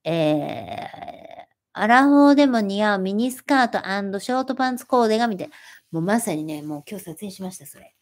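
A woman's voice: medium pitch, expressive, normal speed. A woman in her forties hosting a livestream, reading viewer comments aloud and answering them in a friendly, chatty, self-deprecating way. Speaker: livestream host. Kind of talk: casual livestream chat.

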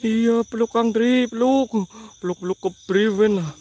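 A man's voice: extremely high pitch, moderate pace, a little mellow. A man with a Banyumasan Javanese accent, live-streaming a ghost hunt in a graveyard at night, joking nervously and gasping out exclamations and prayers. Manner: jittery, joking, frequent gasped exclamations and prayers. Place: outdoors in an old graveyard at night.

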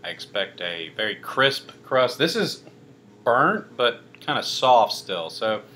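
A man's voice: medium pitch, big pitch swings, slow, sharp tone, a little hiss or hum. A young man casually reviewing a pizza on camera, rambling with lots of fillers and dry self-mocking asides. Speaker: food reviewer. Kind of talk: casual food review vlog.

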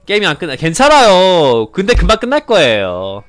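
Animated young man narrating a game. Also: high-pitched. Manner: animated, pleading and laughing, repeats phrases rapidly. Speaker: gaming streamer. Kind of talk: excited game commentary.

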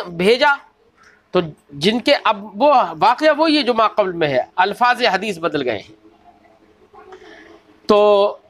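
A man teaching a religious lesson. He reads each quoted line slowly and deliberately, then explains it and often asks rhetorical questions of his listeners. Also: high-pitched, fairly bright tone. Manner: slow, deliberate recitation of quoted text. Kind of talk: scripture lesson, reading Arabic then explaining.

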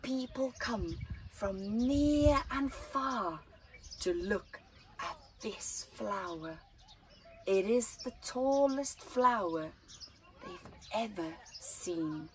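A middle-aged female storyteller gives an expressive children's read-aloud from an open gazebo on a flower farm, with faint birdsong in the outdoor recording. She speaks at a medium pitch, slowly and deliberately, placing dramatic pauses between short phrases over slight background noise.

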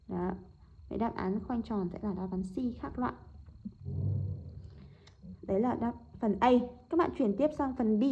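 A woman teacher talks through textbook exercises, saying each word twice and asking her students to confirm. Her voice is fairly high and husky. The recording sounds dull and lo-fi. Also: a little mellow. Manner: repeats words slowly, checks with "đúng không?". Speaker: English teacher.

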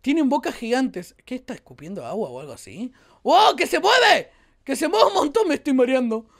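Excitable high-voiced Rioplatense woman gamer. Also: moderate pace, gravelly. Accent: Rioplatense Spanish. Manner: excitable, exclaiming and joking at the viewers. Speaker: gaming YouTuber. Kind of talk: let's play commentary.

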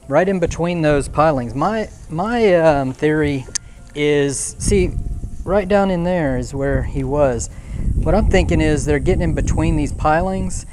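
Filmed on an action camera aboard a small boat, a young man with a slightly high voice gives casual fishing-vlog commentary outdoors. He thinks aloud with lots of fillers, and background noise can be heard.

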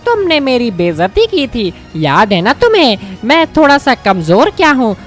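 A woman's voice: fairly high pitch, very animated, normal speed, faint music behind. A woman voicing a scrawny, vengeful male Hulk king in a game story, sneering and menacing.

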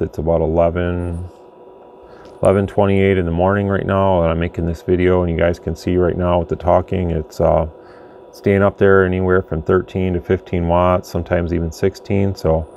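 A low, gravelly, warm-toned male voice belongs to a radio bench reviewer and channel host doing a casual, plain-spoken, rambling product demonstration at his indoor workbench. Faint background noise and room ambience can be heard.

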